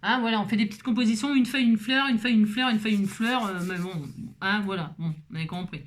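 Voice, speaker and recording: A woman's voice: medium pitch, fast. A woman hosting a craft tutorial, chatting casually and humming little tunes as she works. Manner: chatty, hums and sings little tunes while working.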